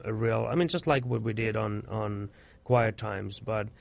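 A man's voice: lowish voice, measured pace, gravelly. A man from Finland, a church music producer thoughtfully answering interview questions. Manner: thoughtful, searching for words.

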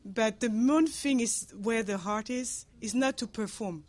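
A woman speaks earnestly in a slightly high voice. She makes measured, explanatory statements as a participant in a group discussion. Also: darkish tone.

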